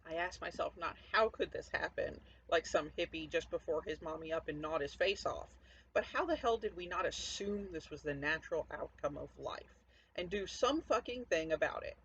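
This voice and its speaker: A narrator plays a hard-bitten, sardonic zombie-apocalypse survivor, telling the story in first person straight to the listener in a conversational, cynical, defiant way. The middling-pitched voice is expressive and scornful, fairly bright with vocal fry, at normal speed. The audio is muffled and lo-fi, with faint background noise.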